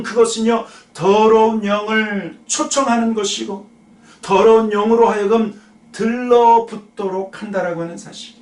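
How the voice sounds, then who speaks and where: A man preaching a sermon as pastor, slowing to read scripture and putting questions to the congregation. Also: high-pitched. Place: church sanctuary. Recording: echoey church hall, mic at a distance.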